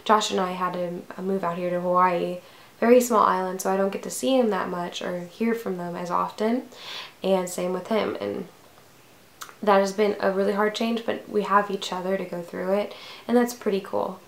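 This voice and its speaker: A woman's voice: medium pitch, steady tone, moderate pace, vocal fry, reverberant. A woman of twenty-one talking casually to camera in a vlog, rambling with many fillers. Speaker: vlogger.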